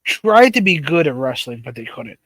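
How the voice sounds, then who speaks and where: A man's voice: a little high, sing-song, moderate pace, a bit bright, dry recording. A man co-hosting a wrestling podcast in casual chat, rattling off lists of names with lots of "uh" and "um". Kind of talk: casual chat on a live stream.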